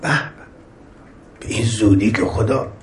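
A man's voice: fairly low pitch, darkish tone. A man preaching a sermon, repeating phrases with rising emphasis and chanting Arabic verses.

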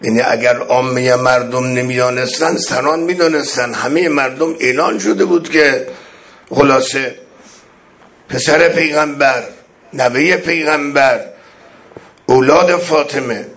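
A man preaching a sermon, telling a religious story in a solemn, measured way and often speaking soft and low.

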